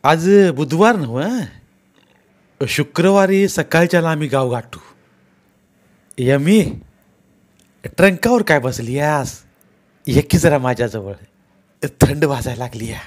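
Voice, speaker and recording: A man's voice: on the high side, expressive, takes it slowly, long pauses, voice pushed up. A man voicing a village husband who talks to his wife in a coaxing, teasing way.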